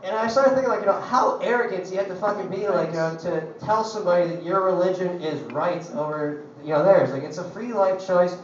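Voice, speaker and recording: Young man, stand-up comedy, crude and rambling, slightly high voice, very echoey distant recording, faint background hum. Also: a little fast, hardly any pauses, highs cut off. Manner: crude, profane and rambling, full of "like, you know". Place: coffee shop.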